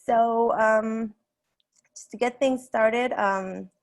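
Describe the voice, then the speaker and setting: Creaky-voiced young woman with a Mexican accent. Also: on the high side, steady tone. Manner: hesitant, halting. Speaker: online meeting host. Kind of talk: semi-formal welcome speech.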